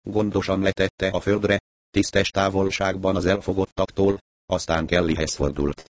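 A man's voice: low voice, flat delivery, dry recording. A man reading a novel aloud, narrating and voicing the characters' dialogue. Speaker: audiobook narrator.

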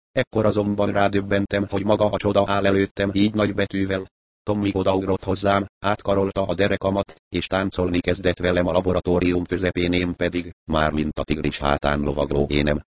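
A man narrating a first-person story in a steady storytelling manner. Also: low-pitched. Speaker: reader.

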